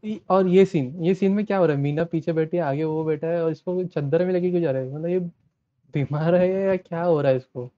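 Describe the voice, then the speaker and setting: Reacting to a trailer, a young adult male host talks in a chatty blend of Hindi and English, often trailing off and starting phrases again. He sounds a little high and a little fast, with no room sound in a dull, lo-fi, dry recording.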